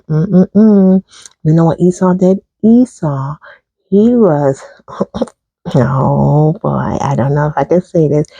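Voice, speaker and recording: Gravelly, chatty chaplain retelling Bible stories. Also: mid-range voice, mellow, no room sound, low-quality recording. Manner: chatty, digressive, with chuckles and asides. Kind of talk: casual Bible storytelling.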